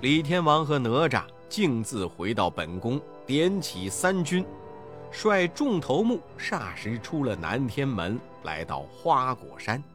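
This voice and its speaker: A man narrating a classic children's story in an expressive, sing-song way. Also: medium pitch, takes it slowly, soft background music.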